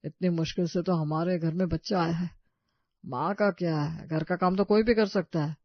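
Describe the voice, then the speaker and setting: A woman voicing a doting young husband who reassures his wife slowly in a cartoon. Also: lowish voice, fairly even intonation, no echo, highs cut off. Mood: indulgent.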